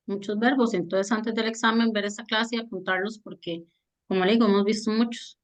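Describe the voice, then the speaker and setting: A woman's voice: medium pitch, steady tone, fairly quick. A woman student speaking earnestly, giving advice about reviewing the class.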